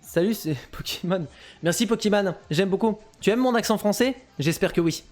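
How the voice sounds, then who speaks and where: Male streamer-caster, high voice, hype race calls, faint music underneath. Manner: excitable, quick swings between hype and asides to chat. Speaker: host of a live-streamed marble race tournament. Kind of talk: live race commentary.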